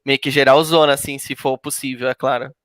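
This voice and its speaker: A man's voice: medium pitch, flat delivery, brisk, fairly bright tone, no echo. A Brazilian man hosting an interview in an explanatory way, who keeps adding little tag questions. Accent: Brazilian Portuguese. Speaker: host. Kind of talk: casual interview chat.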